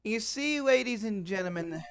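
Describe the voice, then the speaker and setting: A performer playing a cocky male wrestling company owner, cutting a boastful in-character promo with drawn-out dramatic pauses. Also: mid-range voice, animated, natural voice.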